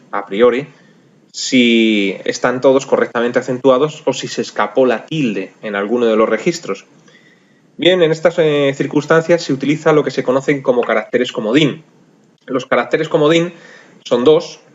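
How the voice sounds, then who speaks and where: Methodical Spanish-accented man teaching software. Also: mid-range voice, highs cut off. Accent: Spain Spanish. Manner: patient, methodical, stepwise with frequent fillers. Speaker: software instructor. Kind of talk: screencast tutorial explanation.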